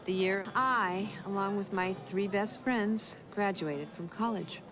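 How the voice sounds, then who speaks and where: A woman's voice: medium pitch, unhurried, close to an everyday voice. An actress playing a woman who looks back on her college friends in scripted film narration. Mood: reflective.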